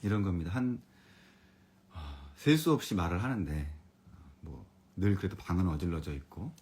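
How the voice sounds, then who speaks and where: Deep-voiced, calm Korean teacher. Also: male voice, normal speed. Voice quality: calm, comfortable voice. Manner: friendly, chats with viewers and reads out their comments. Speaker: elementary education expert and author. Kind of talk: live-streamed lecture for parents.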